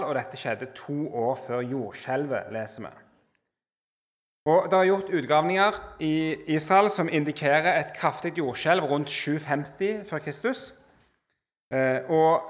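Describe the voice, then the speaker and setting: A man lecturing on the Old Testament in a measured way, slowing down for emphasis and often pausing with hesitations. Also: on the high side, fairly bright tone. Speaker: Bible teacher.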